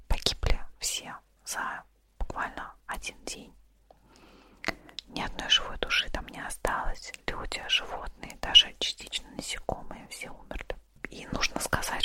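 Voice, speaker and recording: A podcast host telling stories in a soft, relaxing ASMR whisper, close to the microphone. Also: extremely high pitch, gravelly.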